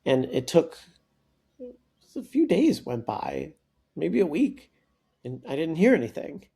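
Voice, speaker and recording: Brief: man in his forties, podcast guest, gravelly and mellow, animated storyteller who restarts sentences. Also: on the high side, slow. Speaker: guest, startup coach and author.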